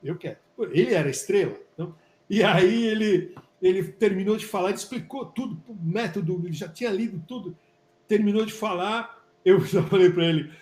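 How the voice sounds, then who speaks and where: A man's voice: sits high, darkish tone. Brazilian man, echoey room, chatty doctor. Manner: chatty, many fillers and restarts. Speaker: physician and study coordinator. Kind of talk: casual live webinar talk.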